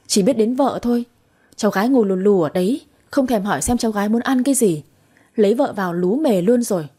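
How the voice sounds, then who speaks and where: Young woman, spiteful and sharp-tongued granddaughter in a spoken story, a woman voicing her; breathy tone. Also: on the high side, animated, moderate pace. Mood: resentful. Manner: sharp, resentful and quarrelsome.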